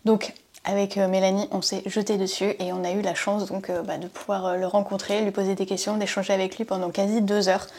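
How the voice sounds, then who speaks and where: A woman's voice: medium pitch, level tone, brisk, darkish tone. A woman in her late twenties, a bookseller from France, chatting casually in a book haul vlog with many fillers, sometimes reading passages aloud. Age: late 20s.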